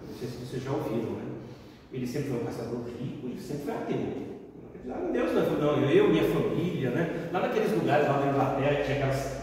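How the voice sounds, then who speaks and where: A man's voice: mid-range voice, sing-song, fast talker, a little mellow. A man giving a spiritist lecture, telling stories and tagging lines with "né?". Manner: frequent "né?" tags, acts out voices in stories. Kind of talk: religious lecture with storytelling. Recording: echoey hall from far off, faint noise.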